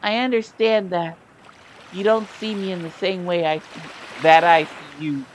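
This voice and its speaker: A woman's voice: fairly low pitch, steady tone, normal speed, a little hiss or hum, lightly acted. A woman reading the lines of an earnest, devoted young heroine in a story game, in her own tender voice.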